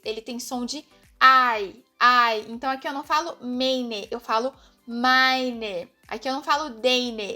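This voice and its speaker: High bright-voiced woman teaching German. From Brazil. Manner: explanatory, repeats example words slowly, frequent tag questions. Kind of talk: online language lesson.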